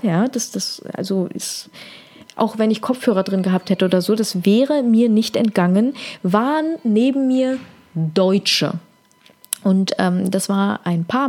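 A woman's voice: medium pitch, darkish tone. A woman casually telling an anecdote to her listeners and reflecting on couples, speaking directly to them. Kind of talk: casual storytelling monologue.

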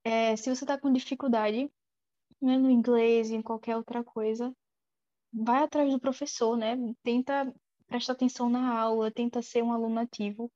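A woman's voice: fairly high pitch, steady tone, normal speed, warm tone, no echo. A young woman student athlete chatting earnestly and reflectively. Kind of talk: casual chat. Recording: slightly dull sound.

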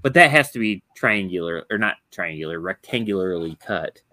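A man's voice: low voice, lively intonation, moderate pace, bright, forceful tone, dry recording. A young married man co-hosting a podcast, chatting casually with wry, joking asides. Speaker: podcast co-host. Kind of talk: casual chat.

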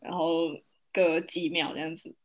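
A woman's voice: low voice, flat delivery, unhurried, a crowd in the background. A woman chatting casually as a podcast co-host. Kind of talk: casual chat.

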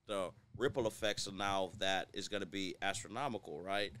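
Clear-voiced man hosting a casual podcast. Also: deep voice, a little fast, fairly bright tone, no room sound. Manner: colloquial, wordy, peppered with tags like 'right' and 'you know'. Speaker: podcast host.

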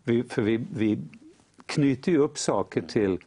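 A man recounting a personal faith testimony as a guest speaker, in an animated storytelling manner. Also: medium pitch, breathy edge. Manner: animated storyteller, lively rise and fall.

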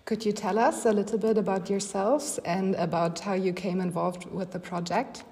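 A woman's voice: medium pitch, steady tone, moderate pace, a little mellow. A woman hosting a podcast, opening the episode with a friendly, welcoming introduction. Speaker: podcast host. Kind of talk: podcast interview. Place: office in Berlin. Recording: reverberant room.

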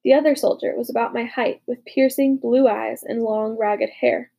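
A woman narrating a war story as a young soldier, with dramatic, hushed, urgent delivery in the dialogue. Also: on the high side, fairly even intonation, moderate pace, gravelly. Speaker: narrator voicing a boy soldier. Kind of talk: audiobook narration.

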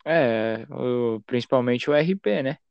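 A young man chats casually in a Brazilian Portuguese accent, using plenty of slang. His voice has a lot of gravelly fry, recorded dry and a little dull. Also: mid-range voice, takes it slowly, no room sound. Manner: informal, slangy, swearing. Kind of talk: casual chat.

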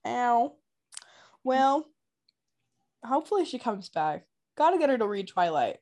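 A woman's voice: fairly high pitch, big pitch swings, measured pace, darkish tone. A young adult woman co-hosting a podcast in casual chat, bubbly, playful and gushing. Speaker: podcast co-host.

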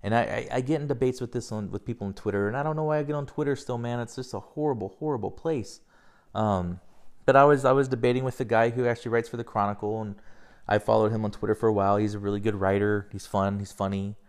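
A man's voice: fairly low pitch, steady tone, quick pace, clear, resonant tone. Rambling, profane man talking baseball. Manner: rambling, profane, gets worked up. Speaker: podcast host. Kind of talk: casual sports chat.

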